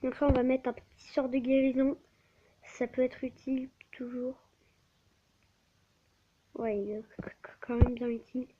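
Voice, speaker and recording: A woman's voice: high voice, flat delivery, moderate pace, pauses often. A woman giving live gameplay commentary on her channel, often stammering and restarting words, recorded on a tablet mic. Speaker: gaming channel host. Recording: dull lo-fi with faint hiss.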